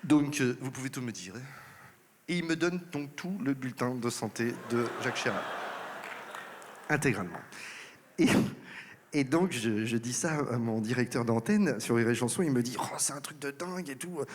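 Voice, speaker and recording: A male comedian telling a lively story to an audience on stage, acting out the voices of the people in it. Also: medium pitch, moderate pace, slight background noise. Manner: lively anecdote telling, acts out quoted voices. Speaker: comedian and impressionist. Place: large concert hall stage. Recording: live hall reverb. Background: audience laughter.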